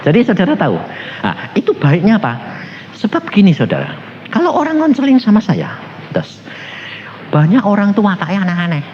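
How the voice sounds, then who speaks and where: A male preacher with a Javanese-influenced Indonesian accent, jokey and animated, who keeps firing rhetorical questions at the congregation. His voice sits high, and his pitch leaps wildly up and down. The recording is a little dull, with a faint hiss underneath. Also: fairly quick, long pauses. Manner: animated and joking, with frequent laughter and rhetorical questions. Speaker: evangelist preacher. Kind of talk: sermon with humorous personal anecdotes.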